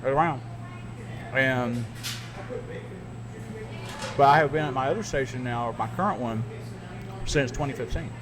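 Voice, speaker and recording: This podcast host and radio broadcaster speaks at a medium pitch and a measured pace, pausing often, while a crowd murmurs in the radio studio. He tells stories with candour and emphasis in a relaxed chat, restarting frequently.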